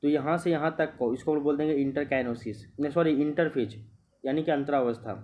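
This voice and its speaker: A man whose voice runs on the high side gives an exam-prep lecture at a slightly fast pace with a steady tone. He walks through the material step by step, repeats himself, and checks students' understanding, all in a muffled lo-fi recording.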